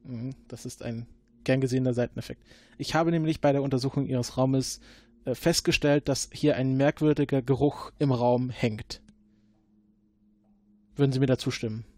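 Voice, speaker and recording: In an audio drama, an adult man voices a time-travel agent who grills a suspect with probing, dry sarcasm. His medium-pitched voice is mellow and close to everyday speech, with a steady tone, moderate pace, and no room sound.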